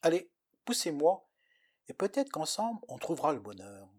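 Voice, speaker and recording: A man voicing a grumpy old man in a wheelchair in a spoken tale, with a croaking voice. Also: fairly high pitch, big pitch swings, moderate pace, darkish tone, voice pushed up. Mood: gruff.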